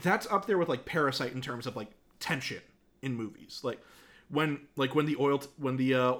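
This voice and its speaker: A man co-hosting a casual film podcast, enthusiastic and opinionated about the movies he discusses. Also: medium pitch. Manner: enthusiastic, opinionated, lively, fond of film trivia.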